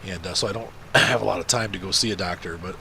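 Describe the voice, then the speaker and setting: A man's voice: deep voice, quick pace, creaky, bright, forceful tone, slight background noise. A man with a congested, blocked-up nose giving casual, rambling gameplay commentary as a video host. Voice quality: congested, blocked nose, nasal stuffy sound.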